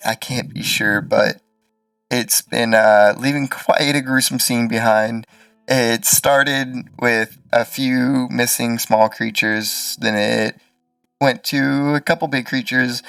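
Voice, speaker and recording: Male tabletop game master: hesitant, unhurried, fry-edged, close and dry. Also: mid-range voice, fairly bright tone, dry recording, recorded from a distance. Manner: hesitant, halting delivery. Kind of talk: improvised tabletop game narration.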